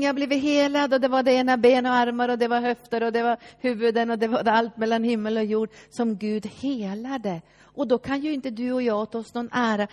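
A woman's voice: on the high side, a little mellow. A woman preaching a fervent, emphatic sermon, now and then stammering into restarts. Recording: long hall reverb.

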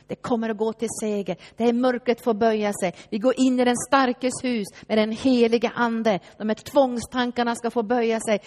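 A woman's voice: on the high side, darkish tone. A woman preaching a fervent, emphatic sermon, now and then stammering into restarts. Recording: long hall reverb.

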